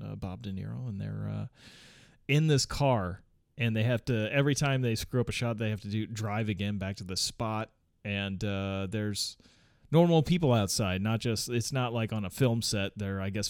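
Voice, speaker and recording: A man in his thirties talks on a casual solo podcast at home, close to the mic. He rambles in a mid-pitched voice, stops and restarts often, and swears freely with frequent chuckles. The room sounds dry and dead. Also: clean tone, dry recording. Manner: rambling, halting, many fillers and restarts. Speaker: podcast host.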